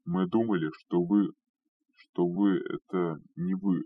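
A man's voice: low voice, fairly even intonation, slow pace, no room sound. A man voicing a humble pleading retainer. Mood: humble, hesitant. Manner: pleading, hesitant. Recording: distant, dull lo-fi recording.

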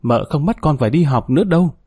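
A man's voice: mid-range voice, expressive, normal speed, dark tone, no echo, close to an everyday voice. A man voicing a distraught, doting middle-aged mother who wails and scolds shrilly. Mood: tearful.

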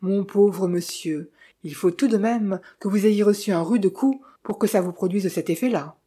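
A woman's voice: mid-range voice, moderate pace, warm tone, breathy edge, lightly acted. A woman reading an audiobook and voicing a chatty, knowing male village innkeeper who gossips and teases. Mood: confiding. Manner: gossipy, teasing, confiding. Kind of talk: audiobook character voice.

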